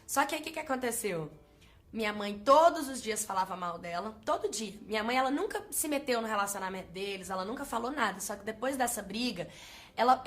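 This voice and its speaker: A woman telling a family story casually, in an animated, gossipy way. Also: on the high side. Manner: animated, gossipy, fast-talking.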